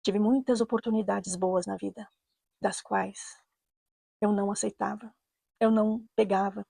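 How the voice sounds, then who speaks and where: A Brazilian woman with a Brazilian Portuguese accent narrates a personal story in a measured, earnest way and leans on repeated phrases. Her voice is mellow and slightly husky. The recording is dry and close. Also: mid-range voice, level tone, no room sound. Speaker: storyteller, channel host.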